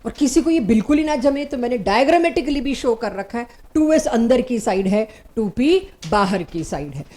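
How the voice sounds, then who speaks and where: A woman teaching a chemistry class, her voice sitting a little high. She explains concepts step by step and gives short, firm commands to her students. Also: expressive, moderate pace, dark tone. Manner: explains step by step, mixing Hindi and English terms. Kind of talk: recorded online lecture.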